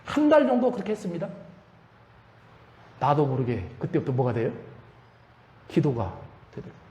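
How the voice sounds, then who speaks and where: A man's voice: a little high, huge pitch swings, normal speed. A man preaching a sermon as pastor, often asking the congregation questions and raising his voice when quoting. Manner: asks the congregation questions, rising to shouts in quotes. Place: church sanctuary. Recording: echoey church hall reverb.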